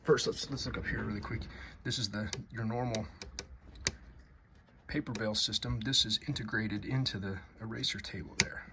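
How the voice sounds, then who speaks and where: A man's voice: on the low side, fairly even intonation, normal speed, background noise. A man casually showing off and explaining a typewriter, rambling and repeating words with enthusiasm. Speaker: typewriter restorer. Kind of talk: casual show-and-tell.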